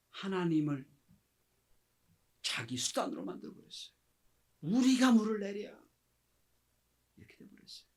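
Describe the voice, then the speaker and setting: A middle-aged male pastor preaching a sermon with passion, acting out quoted speech and swinging between loud exclamations and near-whispers. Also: mid-range voice.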